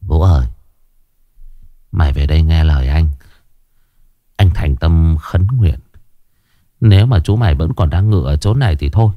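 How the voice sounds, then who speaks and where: A man voicing a clumsy, earnest young night guard who prays in a rough, rambling, folksy way. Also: very deep voice, normal speed, pauses often, no echo, highs cut off, voice pushed down.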